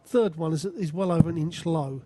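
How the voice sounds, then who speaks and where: A man's voice: a little high, animated, a little fast, mellow. A man giving conversational, analytical live darts commentary as a co-commentator. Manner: analytical, addresses his co-commentator.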